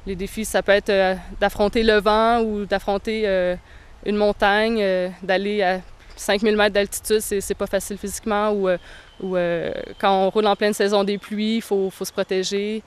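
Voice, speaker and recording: A young woman, answering interview questions thoughtfully, with frequent pauses. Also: medium pitch, level tone, smooth. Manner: thoughtful, hesitant, many pauses. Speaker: touring cyclist interviewee.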